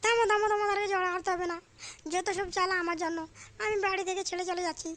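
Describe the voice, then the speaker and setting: Woman doing a poor, timid cartoon bride begging her in-laws, with a very high, bright voice and quick pleading talk. She sounds apologetic throughout. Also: fairly even intonation. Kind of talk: comic cartoon voice acting.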